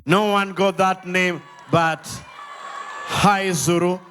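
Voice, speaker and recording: A man with a Kenyan accent hosts a live comedy show in a noisy venue, loudly and playfully calling out to people in the crowd. His voice is high and steady, and he takes his time.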